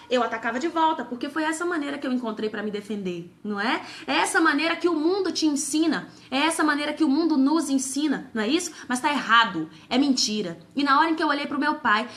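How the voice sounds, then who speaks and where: A woman's voice: sits high, a bit bright. A young woman giving a fervent live-streamed testimony and sermon, calling out to viewers by name.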